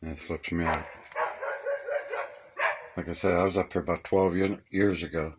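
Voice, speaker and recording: An older man, a radio hobbyist, shows off his collection in a small upstairs room being stripped to the studs. His low voice is steady at a normal pace, with lo-fi sound and a slight hiss or hum, as he reminisces casually in plainspoken, folksy talk with homespun grammar.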